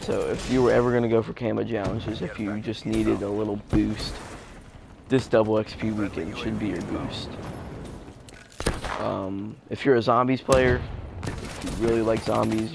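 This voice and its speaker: A man's voice: fairly low pitch, vocal fry, noisy background. A young man giving live gameplay commentary as a gaming YouTuber, rambling with many fillers and restarts. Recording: gameplay gunfire loud behind. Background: game gunfire and explosions.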